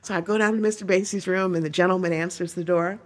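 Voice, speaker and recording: Older woman, singer, lively storyteller, laughs often, acts out voices. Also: on the low side, fast. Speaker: singer, guest.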